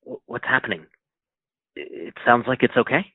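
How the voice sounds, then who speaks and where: A man's voice: medium pitch, brisk, breathy edge, no room sound. A man playing an eager, coaxing character directing someone over a muffled phone line in an audio drama. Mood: coaxing, anxious. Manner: excitable, coaxing.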